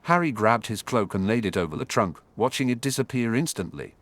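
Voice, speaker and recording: A man narrating an audiobook in an expressive storytelling manner. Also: lowish voice, brisk.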